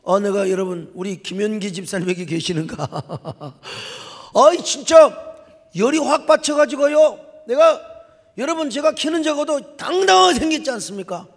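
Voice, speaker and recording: A middle-aged man preaching in a large church sanctuary, his high voice ringing with long reverb. He tells his story dramatically, dropping to hushed tones, then rising to shouts. There is a gravelly edge to his words. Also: lively intonation, moderate pace. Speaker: pastor. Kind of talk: sermon.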